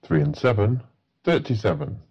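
A man's voice: medium pitch, big pitch swings, normal speed, gravelly, a little mellow, husky, highs cut off. A man working as a bingo caller, announcing numbers in set phrases with a matter-of-fact delivery.

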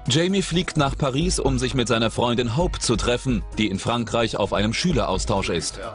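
A man reading scripted documentary narration in a studio voice-over, with a measured, suspenseful delivery. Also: mid-range voice. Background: dramatic music.

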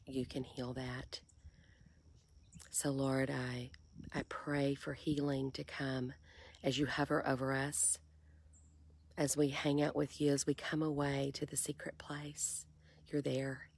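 A woman, talking softly and half-whispering in a casual devotional vlog, filmed on a phone held at arm's length from a kayak on a lake. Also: a bass voice, level tone, a little slow. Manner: soft, breathy, half-whispered, musing. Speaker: faith vlogger.

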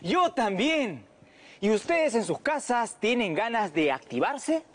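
A man's voice: high-pitched, big pitch swings, slow. A man with a Peruvian Spanish accent co-hosting a children's program in a friendly, encouraging scripted way.

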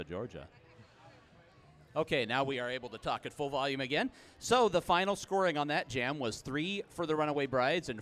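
A man calling live play-by-play, with brisk calls that jump up in pitch and loudness on big plays. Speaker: play-by-play commentator. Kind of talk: live sports commentary.

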